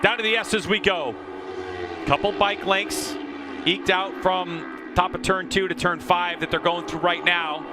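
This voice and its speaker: A man working as a motorsport commentator, calling a race live with animated play-by-play. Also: high-pitched, unhurried, over music. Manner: animated play-by-play calling, rising to shouts at action.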